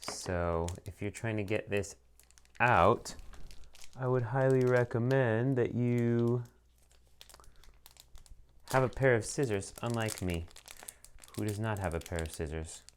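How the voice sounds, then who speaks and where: Low-voiced man chatting through an unboxing. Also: measured pace, pauses often, slight background noise. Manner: chatty, dry sarcastic asides, many ums. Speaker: pen reviewer. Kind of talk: casual unboxing review.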